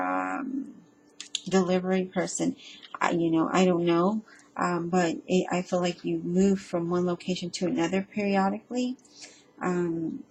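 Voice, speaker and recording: Halting, earnest woman reading tarot. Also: fairly low pitch, darkish tone, slight background noise, poor audio. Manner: hesitant and halting, with frequent ums and self-repeats; earnest and reassuring, addressing the listener directly. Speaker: tarot reader. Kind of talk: casual spoken tarot reading.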